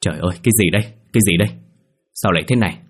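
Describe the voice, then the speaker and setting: A man voicing a bewildered middle-aged mother who scolds and panics, in a low, husky voice. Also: fast. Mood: frightened.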